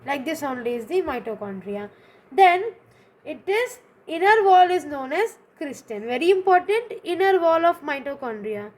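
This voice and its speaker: A woman's voice: high-pitched, big pitch swings, moderate pace, a little mellow. A woman with an Indian English accent explaining biology step by step, repeating key terms and checking in with "okay?". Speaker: teacher. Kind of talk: online biology lesson.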